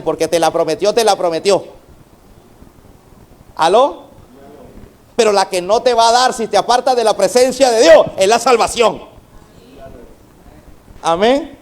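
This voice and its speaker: Middle-aged male pastor, high-pitched, fervent sermon delivery that prods the congregation for responses. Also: darkish tone.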